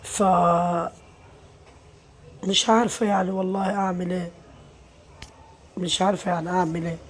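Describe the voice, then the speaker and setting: A woman's voice: fairly low pitch, steady tone, moderate pace. A middle-aged Egyptian woman, a mother, confiding her worries in a casual vlog, weary and venting, full of pious phrases. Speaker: mother and home vlogger.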